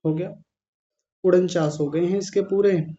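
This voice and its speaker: High-voiced man slowly chanting recitation lessons. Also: steady tone, warm tone, muffled recording. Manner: slow, syllable-by-syllable chanting of verses, corrects pronunciation; clears throat often. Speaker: Sanskrit recitation teacher. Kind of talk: online class pronunciation drill.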